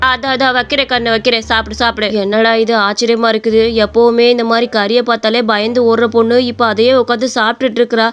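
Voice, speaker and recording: A woman's voice: fairly high pitch, little pitch movement, quick pace, few pauses, clear, resonant tone, dull audio, lightly acted. Older mother-in-law in a cartoon: fretful, fussing, caring; a woman voices her. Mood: worried.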